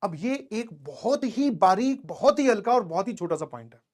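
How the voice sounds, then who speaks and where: His voice is high-pitched and a little mellow, with big pitch swings, at a normal speed. The speaker is a male teacher motivating students through a chatty talk full of memories from his own student days, and he frequently checks that they're with him.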